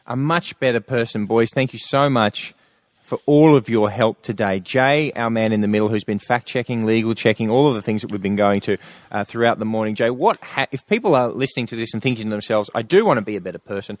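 A man's voice: medium pitch, fairly quick, dry recording. A man hosting a casual studio radio chat, jokey as he wraps up the show.

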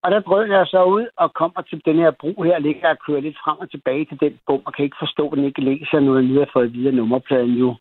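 A man's voice: fairly high pitch, steady tone, hardly any pauses, no room sound. A man calling a radio show to tell a personal story, agitated and rambling, with many restarts and fillers. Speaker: caller. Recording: tinny phone line.

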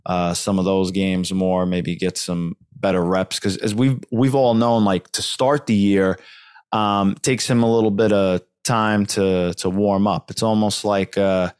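A man's voice: low-pitched, little pitch movement, unhurried, darkish tone, smooth, no echo. Rambling man on a dry mic. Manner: loose, rambling, lots of fillers and restarts. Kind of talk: casual sports talk.

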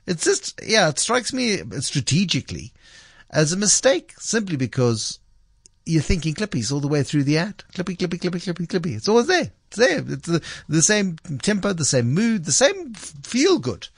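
A man's voice: fairly high pitch, wildly swooping pitch, normal speed, no room sound, studio quality. A man hosting a radio show with conversational commentary, emphatic and repeating phrases for effect.

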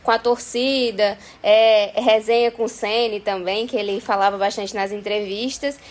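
A woman's voice: mid-range voice, fairly even intonation, moderate pace. A woman co-hosting a sports talk show, chatting as she recalls events.

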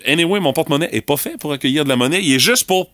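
A man's voice: fairly high pitch, animated, rapid-fire, fairly bright tone, dry recording. A man with a Quebec French accent hosting casual radio talk in a colloquial, conversational way. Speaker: radio show host.

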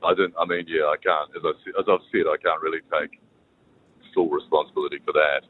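A man's voice: rumbling low, fairly even intonation, quick pace. A man with a New Zealand accent chatting casually and hesitantly on a mobile phone while out catching a bus. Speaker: radio broadcaster on a phone call. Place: on the phone at a bus stop, then on a bus. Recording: narrow, tinny phone line.

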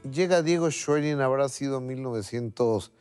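A man with a Mexican accent and a medium-pitched voice conducts a conversational personal interview. Soft music sits faintly underneath his questions. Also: moderate pace.

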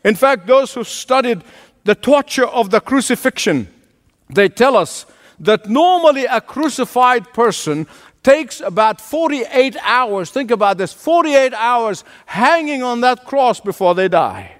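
A man's voice: extremely high pitch, lively intonation, measured pace, long reverb tail. A man preaching a sermon as pastor, emphatic and driving home points through repetition. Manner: emphatic preaching with repeated phrases.

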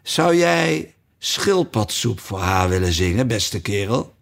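A man voicing an impatient, bossy gryphon with loud, abrupt calls in a storybook reading. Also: on the low side, big pitch swings, takes it slowly, creaky, exaggerated voice. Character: brusque impatient male gryphon.

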